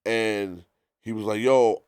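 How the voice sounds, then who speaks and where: Give me a middle-aged man, low voice, telling lively street stories. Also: moderate pace, dry recording, clean studio sound. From New York. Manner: animated, profane, full of quoted dialogue. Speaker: guest DJ. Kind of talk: casual storytelling.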